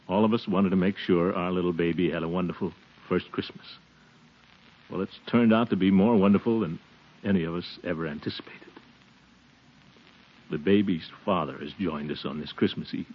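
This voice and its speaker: An American actor playing a big-hearted, sentimental middle-aged uncle in an earnest, theatrical 1940s radio style. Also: male voice, low voice, slightly rough. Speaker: lead actor in a radio comedy. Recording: muffled, noisy 1940s radio recording.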